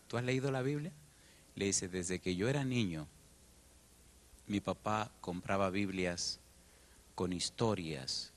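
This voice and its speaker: Middle-aged man, pastor, bright, lively storyteller, sermon. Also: mid-range voice. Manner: animated storyteller acting out dialogue.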